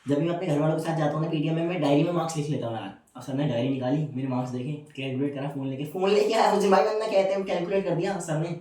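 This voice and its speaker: A young man who is a stand-up comedian, telling a story in a chatty, animated way and talking to the audience like friends. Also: a little high, very fast, few pauses. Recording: roomy, mic at a distance.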